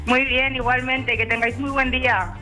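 A woman phones in to a radio quiz, her voice thin and distant as if the phone were held away from her. She answers briefly and cheerfully over a loud bed of music. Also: sits high, flat delivery, normal speed. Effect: distant phone line, caller held away from the phone.

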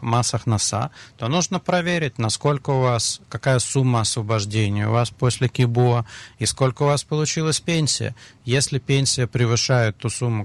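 A man on a radio advice show, answering callers in a measured, explanatory way with a little dry humor. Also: mid-range voice, creaky. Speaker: financial advisor.

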